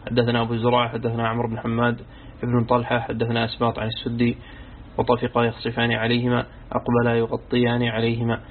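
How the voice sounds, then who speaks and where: A man reading a classical Quran commentary aloud as an audiobook, running through chains of narrators in a steady recitation. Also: mid-range voice, quick pace. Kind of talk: audiobook reading of a religious text. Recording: tinny narrow-band recording with faint hiss.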